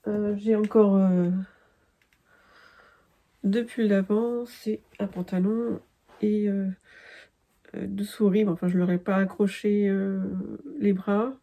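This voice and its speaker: A woman's voice: medium pitch, fairly even intonation, slow, long pauses, warm tone. A woman from France talking casually in a crafting vlog, hesitant with many fillers and restarts. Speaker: crafting vlogger. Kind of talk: casual chat.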